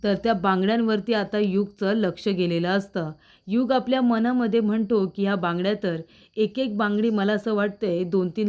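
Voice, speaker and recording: A woman's voice: mid-range voice, darkish tone. A woman narrating a TV serial episode recap, speaking to her viewers as she retells the scenes. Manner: storytelling, addresses viewers.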